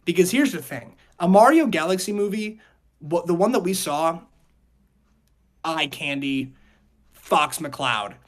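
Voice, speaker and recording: A male podcast co-host with a slightly high, expressive voice talks a little slowly, pausing often. He rambles through casual opinions on movies and games, hedging with lots of "like."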